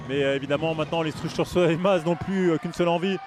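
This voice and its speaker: A man giving excited handball commentary in halting, broken phrases, with noise from the gym around him. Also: on the high side, music in the background. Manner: halting, hesitant phrasing with many breaks.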